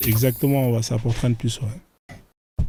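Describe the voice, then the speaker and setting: Creaky-voiced joking male stream host. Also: mid-range voice, unhurried, slight background noise. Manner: joking, teasing, relaxed. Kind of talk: casual live chat with callers.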